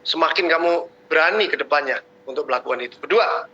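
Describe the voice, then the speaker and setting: A man with a high, bright voice speaks in an emphatic, teasing way as he gives a motivational talk. His delivery is lively, and the sound is dull lo-fi webinar audio. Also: quick pace, a little hiss or hum. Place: online webinar.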